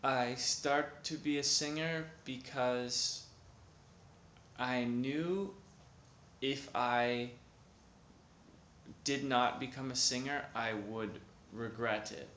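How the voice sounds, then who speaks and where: A man, a singer, answering questions in slow, simple, hesitant speech with many pauses and ums. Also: medium pitch, steady tone, sharp tone. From Canada. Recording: echoey room with faint noise.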